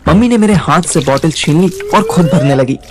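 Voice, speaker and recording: A man's voice: fairly high pitch, lively intonation, fairly quick, over music. A young man narrating a first-person story in a wry, conversational way.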